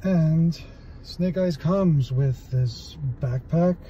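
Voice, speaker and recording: Talking very slowly in a voice on the high side, this forties-aged man reviews a toy from his parked car with a phone held at arm's length. He keeps it relaxed and chatty, with plenty of fillers. The audio is dull, with a little hiss or hum.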